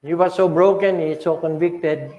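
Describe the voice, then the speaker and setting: Here an older man with a Filipino accent preaches in a church sanctuary, his sermon emotional and dramatic and moving between English and Tagalog. The voice is a little high and a little mellow, with a steady tone at a normal speed, set in a reverberant church hall.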